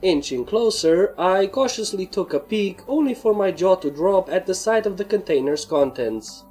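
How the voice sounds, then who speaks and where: A woman narrating a fan story in the first person, with a steady, plain reading. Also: medium pitch, moderate pace, faint music behind. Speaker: fanfic reader.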